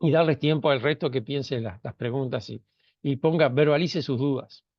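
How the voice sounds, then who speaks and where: A man's voice: mid-range voice, normal speed, no room sound, dull audio. A man speaking on a panel discussion, hesitant, with many fillers and restarts.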